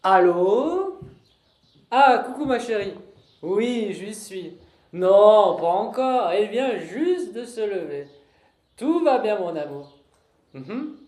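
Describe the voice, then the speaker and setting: A man's voice: high voice, big pitch swings, slow pace, pauses often, darkish tone, echoey room, pitched above the performer's own voice, exaggerated voice. A man rehearsing an amateur play, playing a sentimental man who is tender and a bit flustered on the phone.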